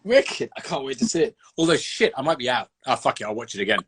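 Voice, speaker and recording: Male host, husky voice; loose, profane, enthusiastic interviewer. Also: mid-range voice, expressive, quick pace, fairly bright tone. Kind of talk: casual interview over a phone call.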